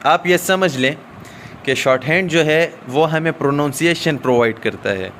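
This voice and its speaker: A man teaching a recorded shorthand lesson, explaining step by step with drawn-out "aa" fillers and frequent checks like "okay?". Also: fairly high pitch, a bit bright, a little hiss or hum.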